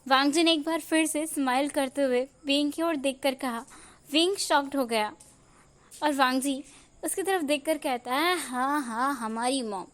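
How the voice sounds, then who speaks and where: Woman reading a fan story out loud, high voice. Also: moderate pace. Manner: switches to acted dialogue for characters. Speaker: fan fiction narrator. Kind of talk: storytelling narration.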